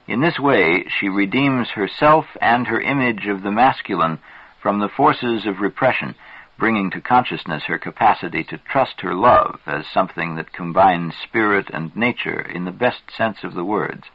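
A man reading aloud from a psychology book in measured, deliberate scripted narration. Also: sits low, slightly rough, no room sound. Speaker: reader. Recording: dull lo-fi dry recording.

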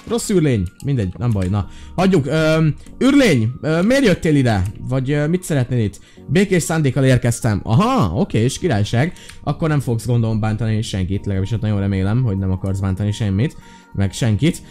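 Excitable man giving gaming commentary. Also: medium pitch, soft background music. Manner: excitable, squeals with delight, talks to viewers. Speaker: gaming channel host. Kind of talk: let's play commentary.

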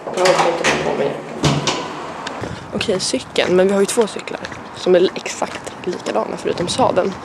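A woman's voice: fairly low pitch, gravelly, noisy background. A young adult woman with a stuffy nose, rambling in a casual vlog chat with lots of fillers. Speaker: vlogger.

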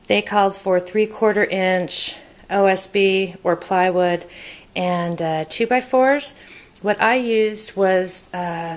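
A woman talking casually and instructionally as a DIY video host, recorded indoors. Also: medium pitch. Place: indoors at a wooden table.

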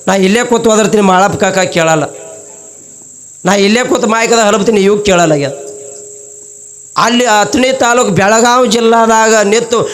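High-voiced man preaching a North Karnataka sermon. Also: fairly bright tone. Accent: North Karnataka Kannada. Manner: acts out characters' voices while telling a story. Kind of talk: sermon storytelling.

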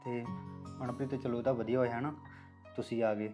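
Young actor as a fast-talking Punjabi farmer husband, fond and wistful, music under. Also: male voice, mid-range voice, fairly even intonation, natural voice. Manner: fond, calls her "yaar". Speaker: newlywed husband. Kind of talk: village family drama acting. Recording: background music.

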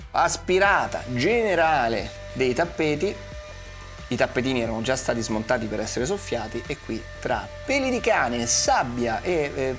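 A man in his thirties gives casual instructional commentary in colloquial speech, talking straight to the viewer with rhetorical questions. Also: mid-range voice. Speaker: car detailing presenter. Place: small padded studio, seated at a desk. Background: music.

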